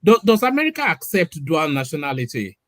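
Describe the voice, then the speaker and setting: A man moderating a heated panel debate, animated and stammering with quick repeats. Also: on the high side, no echo, studio quality.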